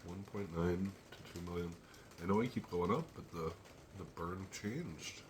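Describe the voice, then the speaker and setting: A man reviewing a hot pepper on his own channel, talking slowly and thinking aloud between pauses while teary and sniffly from the heat. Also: low voice, slight background noise. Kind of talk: casual solo tasting review.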